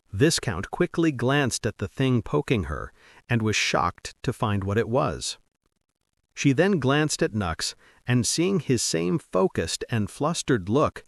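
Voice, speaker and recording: A man narrating an audio story in a slow, expressive storytelling read. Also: mid-range voice, dry recording, studio quality.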